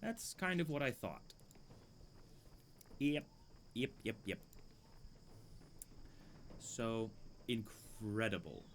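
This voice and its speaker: A man's voice: fairly low pitch, big pitch swings, very slow, long pauses, a bit bright, a little hiss or hum. A man casually commenting on his gameplay, musing and dryly amused, talking to himself at a desk microphone he sometimes leans away from. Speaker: streamer playing a game. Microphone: desk microphone, leans away at times.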